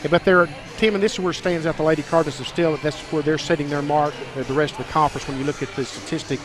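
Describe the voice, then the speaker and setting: A man's voice: a little high, steady tone, fast. A man doing play-by-play for a college basketball webcast, reeling off records and stats in a formal broadcaster manner. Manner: formal, stat-heavy broadcaster delivery. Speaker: play-by-play announcer.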